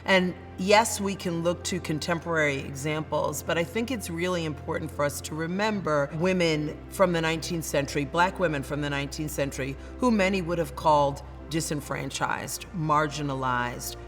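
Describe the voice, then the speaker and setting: Her voice sits low and moves at normal speed with hardly any pauses, trailed by long reverb over soft background music. The literature professor, Northern US accent, delivers a dramatic reading and then reflects on it earnestly, stacking repeated phrases to build her points.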